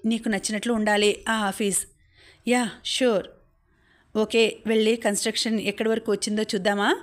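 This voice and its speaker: A woman narrating a romantic family drama story, reading every character's lines herself in her own voice. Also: medium pitch.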